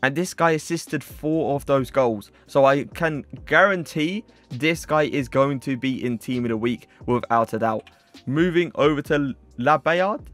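A man's voice: medium pitch, unhurried, soft background music. A young man with a mid-range voice talks through a casual video-game commentary. He is chatty and keeps coming back to the same stock phrases as he goes. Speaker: YouTuber.

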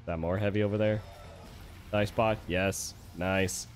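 A man's voice: on the low side, fairly even intonation, a little slow. A man streaming a game, chatting casually and reacting with little exclamations while he has the hiccups. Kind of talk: casual gameplay commentary. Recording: faint music behind.

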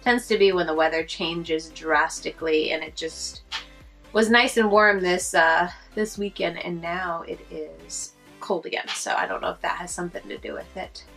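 Sitting near the camera in a small room at home, a young woman with a congested, stuffy voice runs through a makeup tutorial as a beauty vlogger. She rambles casually with fillers at a moderate pace, her lowish voice a bit bright, with faint music in the background.

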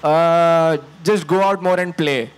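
A 29-year-old man, an actor answering in a hesitant, deadpan way. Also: on the high side, takes it slowly, clean tone. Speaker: actor on a panel. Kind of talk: casual panel chat.

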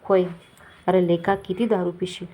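A woman's voice: on the low side, level tone, moderate pace, dark tone, a little hiss or hum, natural voice. A woman voicing a scheming, lecherous middle-aged village moneylender who talks in a coaxing, menacing way. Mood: falsely friendly. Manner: coaxing, menacing, falsely kind.

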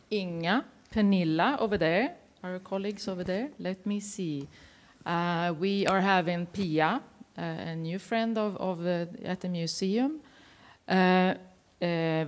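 A woman hosting a museum panel, introducing guests and colleagues with many hesitant fillers. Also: lowish voice. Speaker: museum host.

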